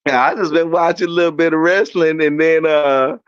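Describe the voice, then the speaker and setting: A man's voice: on the high side, fairly even intonation, fairly quick, clear, resonant tone, no echo, highs cut off. A man in casual sports chat, talking emphatically and repeating himself for effect, on a remote call mic.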